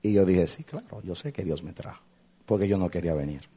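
A male pastor telling a testimony in a sermon, dramatic, swinging from loud to hushed. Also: deep voice, lively intonation, fairly quick, crowd noise.

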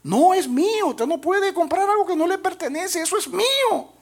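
A man's voice: lively intonation, normal speed. A man voicing a small boy who insists a toy boat is his. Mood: insistent. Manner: high pleading child voice.

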